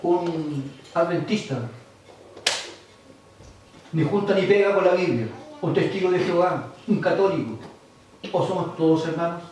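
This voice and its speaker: A man with a Chilean Spanish accent preaching a sermon as pastor, lively and acting out other people's voices. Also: sits high, measured pace, pauses often, a little hiss or hum. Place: church. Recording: far-off mic in echoey church hall.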